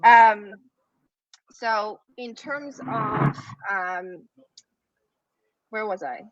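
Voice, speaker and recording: Speaking extremely slowly in a mid-range voice, a Russian-native woman presents an academic workshop lecture over a video call, keeping it conversational and often asking "right?". Her computer microphone gives dull, lo-fi online conference audio with background noise.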